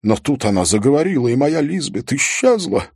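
A man's voice: mid-range voice, very animated, fairly quick, vocal fry, darkish tone, husky, dry recording, studio quality, voice pushed up, heavily acted. Man doing a nervous, fussy theatre producer. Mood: anxious. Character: anxious tearful middle-aged male theatre producer.

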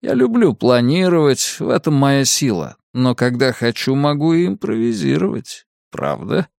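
A cold, composed masked torturer, as a male narrator voices him, taunting in slow, stretched-out words. The reading sits in a medium register. The recording is dry and close, with no room around it. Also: mid-range voice, very animated, creaky, darkish tone, no echo. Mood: menacing. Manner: slow, drawn-out taunting delivery. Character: menacing masked male torturer, calm and mocking. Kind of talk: audiobook character reading.

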